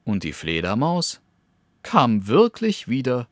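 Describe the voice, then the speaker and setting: A man narrating a fable in a slow, measured storytelling voice. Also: mid-range voice, huge pitch swings, no room sound. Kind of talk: scripted fable reading.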